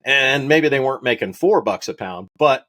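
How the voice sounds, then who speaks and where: A middle-aged man from Wyoming, a rancher, chatting in an interview and telling animated stories, acting out the voices of people in his anecdotes and laughing often. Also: mid-range voice, moderate pace. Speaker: rancher guest. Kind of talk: casual interview storytelling.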